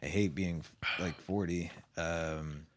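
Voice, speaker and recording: Podcast co-host, man early 40s, lowish voice, blunt and jokey. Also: steady tone, slow. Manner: blunt, joking, swearing. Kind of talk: casual chat.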